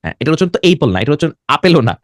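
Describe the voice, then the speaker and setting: A man with a Bangladeshi accent leads an English pronunciation lesson, his pitch rising and falling in a lively way. He switches freely between English and Bengali and keeps putting questions to his class. The sound is dry and close. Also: rapid-fire, no echo. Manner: animated, mixes English and Bengali, quizzes students. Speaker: English teacher.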